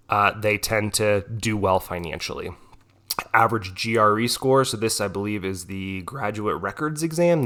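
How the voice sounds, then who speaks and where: Fairly low in pitch but a bit bright, this young man's voice is slightly nasal from a cold. He's an economics tutor walking through a topic in relaxed tutoring talk, frequently checking in with "right?"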